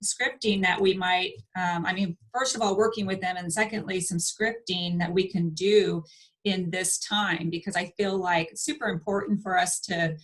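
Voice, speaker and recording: A woman's voice: fairly low pitch, rough recording. A woman leading a team meeting over a video call, friendly and loose, drifting into small asides. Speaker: team leader hosting the meeting.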